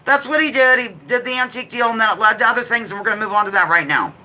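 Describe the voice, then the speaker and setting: A woman with a very bright, sharp voice hosts a relaxed live quiz stream. She talks quickly and chattily, drifting into apologetic asides between the questions she reads aloud. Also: fairly high pitch, rough recording. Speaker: livestream host running a trivia quiz. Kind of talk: casual live chat with read-out quiz questions.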